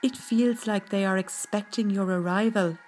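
A woman narrating a scripted guided meditation in a soothing, gentle, unhurried manner. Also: mid-range voice, steady tone. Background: background music.

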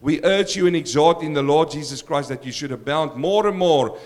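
A male pastor delivers a sermon in a somewhat high, croaky voice. He speaks straight to his congregation, posing rhetorical questions and pressing them with direct appeals. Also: normal speed.

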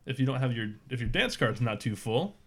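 A man's voice: mid-range voice, very animated, a little fast, a bit bright. A man voicing a burly male alien huckster with upbeat, smarmy sales patter. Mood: upbeat, salesy.

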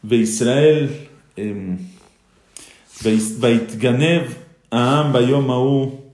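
Rabbi teaching in a roomy echo. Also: male voice, mid-range voice, very slow, darkish tone. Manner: reads Hebrew verses then translates, rising and emphatic when quoting. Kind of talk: Torah class, storytelling with Hebrew verses.

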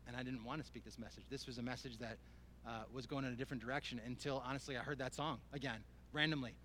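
A married man preaching an emotional sermon and praying, swinging from hushed talk to loud, impassioned cries. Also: mid-range voice, fairly even intonation, quick pace, a little hiss or hum. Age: adult, married. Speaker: pastor.

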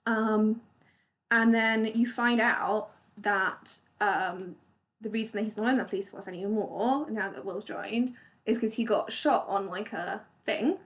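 A woman co-hosting a podcast in casual chat, talking fast and loose with many fillers and restarts. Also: mid-range voice, a bit bright. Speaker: podcast co-host.

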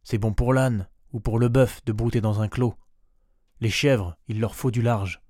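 A man voicing a gentle but stubborn young female goat who speaks softly and quietly insists. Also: mid-range voice, fairly even intonation, a little slow, dry recording, studio quality, close to an everyday voice. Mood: longing.

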